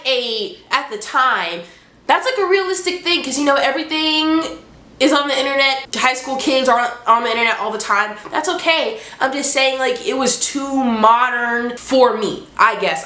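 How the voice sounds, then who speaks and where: This movie reviewer hosts a top ten countdown and talks in a slangy, casual, expressive way. Allergies leave her sounding stuffed up and nasal, like she's holding her nose, though her medium-pitched voice is a bit bright. A handheld phone picks her up in a home room full of echo.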